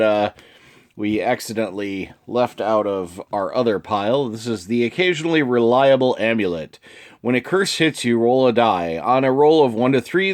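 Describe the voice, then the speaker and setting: Sniffling with allergies, a video host reads out card text and scatters casual asides between lines. His pitch is fairly low, and he occasionally clears his throat.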